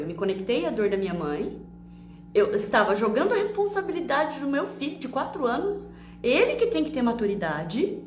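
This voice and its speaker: A woman with a Brazilian accent giving an expressive, animated talk that mixes a personal story with teaching. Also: mid-range voice. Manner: expressive, animated storytelling with frequent tag questions. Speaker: emotional education teacher. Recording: roomy with faint hum.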